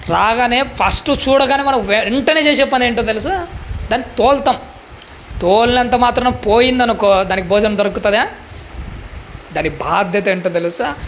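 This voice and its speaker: A man's voice: sits high, a bit bright, a little hiss or hum. A male preacher giving a sermon in a fervent, pleading manner, full of rhetorical questions.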